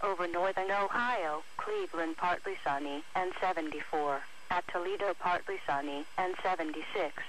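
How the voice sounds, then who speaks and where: A synthetic text-to-speech woman's voice reads a scripted weather bulletin as an automated radio announcer. The voice is fairly low and fairly bright, at a moderate pace with few pauses, and the weather radio broadcast recording is noisy.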